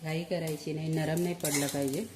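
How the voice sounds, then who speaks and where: A soft-spoken woman hosting a casual home-cooking vlog from her kitchen, talking quietly to her viewers. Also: low voice, flat delivery, fairly quick, over music. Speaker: home cooking channel host. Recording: clattering pots and sizzling behind voice.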